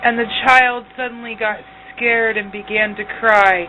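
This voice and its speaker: High-voiced woman narrating a fairy tale. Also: a little slow, slight background noise. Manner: animated, dramatic storytelling. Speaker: player narrating. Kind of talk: storytelling in a card game. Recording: tinny lo-fi home recording.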